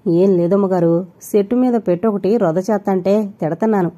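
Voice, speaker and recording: A woman's voice: medium pitch, moderate pace, warm tone, dull audio, natural voice. A woman voicing a sly young woman disguised as a village maid, speaking in rustic sing-song phrases, in an audio novel. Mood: coy.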